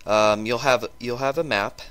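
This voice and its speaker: A gaming YouTuber with a sore throat and stuffy nose talks casually through gameplay in a mid-range, fairly bright voice. His delivery is halting, full of ums and restarts.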